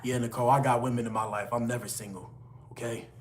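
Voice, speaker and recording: A man in his late twenties hosts a casual livestream, reading out chat names and answering viewers in loose, laid-back slang. He talks fast in a mid-range voice with fairly even intonation, over heavy background noise.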